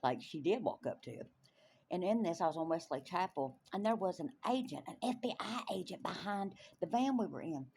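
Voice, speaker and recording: A woman tells her faith testimony in an animated way, laughing often and repeating lines for emphasis. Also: fairly low pitch, a little fast, slight background noise. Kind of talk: testimony storytelling.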